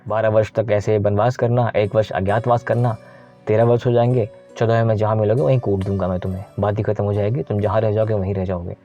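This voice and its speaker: A man's voice: lowish voice, level tone, quick pace, mellow, close to an everyday voice. A man voicing an arrogant prince who mocks his defeated cousins, in a retold epic. The recording is slightly dull, with faint music behind. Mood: gloating. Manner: mocking, boastful, with fake laughter. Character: gloating arrogant prince, adult man, mocking.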